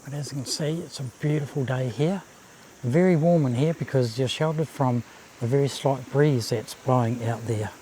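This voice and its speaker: A man gives casual, unhurried commentary on a nature walk, outdoors by a babbling creek. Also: medium pitch, dark tone, rough recording. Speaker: walking vlog host. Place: outdoors on a bush walkway and swing bridge by a creek. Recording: outdoor ambience, faint insect noise. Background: cicadas, birds, babbling creek.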